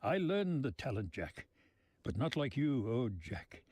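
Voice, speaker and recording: An actor voices a genteel, sly old mob boss in a video game, musing in florid, deliberate phrases. The older male voice is mid-range, very animated and darkish in tone, with no room sound.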